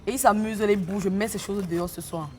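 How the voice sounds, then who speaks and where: Bossy, fast-talking woman giving orders. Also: mid-range voice, fairly even intonation. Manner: bossy, commanding. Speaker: prank participant. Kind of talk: heated confrontation.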